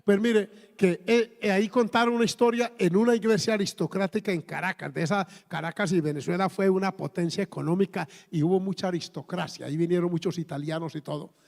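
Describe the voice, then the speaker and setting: Colombian male pastor, 50s; emphatic, high, gravelly sermon delivery in an echoing church hall. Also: steady tone, fast talker, hardly any pauses, darkish tone. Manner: emphatic preaching with frequent exclamations and repeated words. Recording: long reverb of a church hall.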